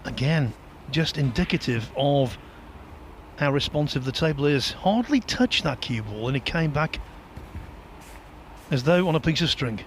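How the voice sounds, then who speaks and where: Higher-voiced male snooker commentator. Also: lively intonation, a little slow. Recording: light background noise.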